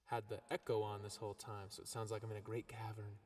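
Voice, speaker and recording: Guy w a lowish voice rambling between songs, big cave echo on his mic, um-ing a lot. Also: fast talker. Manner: rambling, relaxed, filled with ums and likes. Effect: echo effect, sounds like a big cave. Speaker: singer-songwriter. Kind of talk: casual chat between songs on a live stream.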